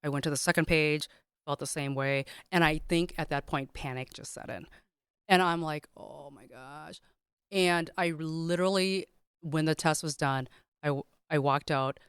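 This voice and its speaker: A woman and guest on a podcast, telling a personal story in an animated way with many fillers and restarts. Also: sits low, normal speed, smooth, no echo, studio quality. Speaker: guest, caterer.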